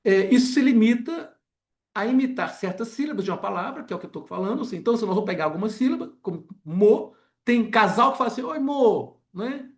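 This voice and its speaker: A man's voice: sits high, expressive, fast. Hesitant Brazilian man giving a lecture. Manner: hesitant, frequent filler words and tag questions. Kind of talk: academic lecture.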